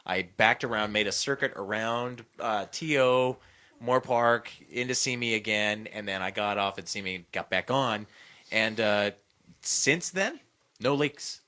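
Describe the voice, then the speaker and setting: A man's voice: lowish voice, measured pace, sharp tone. A man hosting a casual podcast, telling a story in a rambling way, full of fillers and restarts. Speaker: podcast host.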